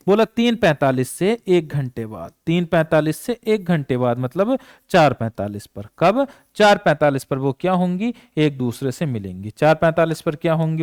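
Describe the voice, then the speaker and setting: A male math teacher walks through exam problems step by step, firing off questions and answering them himself. His voice sits high and moves lively up and down. The sound is dry and close, with no room around it. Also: no echo. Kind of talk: exam-prep math lesson.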